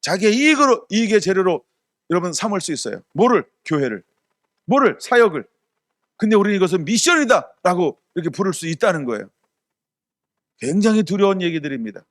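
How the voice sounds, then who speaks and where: Animated Korean pastor preaching. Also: male voice, a little high, dry recording, studio quality. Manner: animated preaching with rhetorical questions and acted-out quotes. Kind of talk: sermon.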